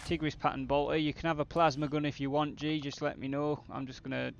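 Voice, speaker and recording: A man's voice: fairly high pitch, flat delivery, fast, vocal fry, lo-fi sound, slight background noise. A British man doing casual, blokey, sweary game commentary as a streamer chatting with viewers. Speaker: gaming streamer.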